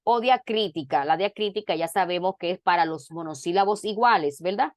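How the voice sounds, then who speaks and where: A woman from the Dominican Republic teaching a grammar lesson over a video call, talking deliberately and repeating her phrases. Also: fairly low pitch, no echo.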